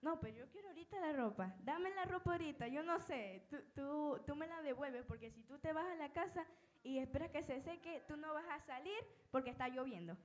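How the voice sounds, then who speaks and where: A woman's voice: sits high, a little fast, pitched above the performer's own voice, lightly acted. A woman putting on a pushy, insistent aunt.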